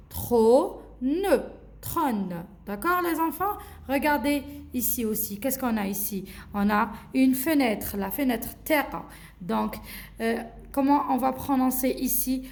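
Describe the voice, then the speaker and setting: A woman teacher, slowly and patiently running a phonics lesson for children and repeating each sound. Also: on the high side, creaky. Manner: slow, patient, repeats sounds with many checks of "d'accord?".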